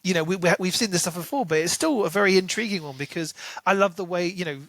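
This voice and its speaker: Speaking quickly in a high, fairly bright voice over a dry recording, a man co-hosts a laid-back podcast about books. He thinks out loud, throws in rhetorical questions, and performs the quotes he cites.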